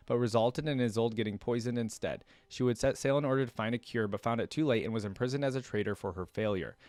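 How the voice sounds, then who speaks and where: Reading lore aloud in a reaction video, a man with a mid-range voice keeps things casual, interjecting his own comments between passages. The close-mic recording has no room sound.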